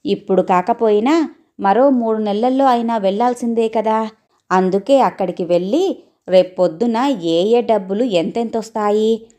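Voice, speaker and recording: Harsh nagging mom, as a lady storyteller puts her on, loud and cursing, audio story. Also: medium pitch, close to an everyday voice. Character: harsh sharp-tongued middle-aged mother.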